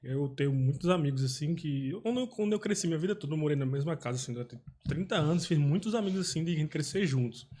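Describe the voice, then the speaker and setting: A man's voice: a little high, lively intonation, dark tone. A man, hosting a casual interview chat in a slangy, conversational way. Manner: slangy, quick conversational talk. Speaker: host.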